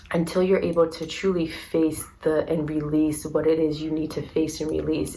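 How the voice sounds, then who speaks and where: A young woman talking earnestly and softly in a personal vlog, repeating her words as she goes. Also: sits low, a little hiss or hum, rough recording. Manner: soft, earnest and repetitive, gets emotional. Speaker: vlogger. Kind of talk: heartfelt personal vlog talk.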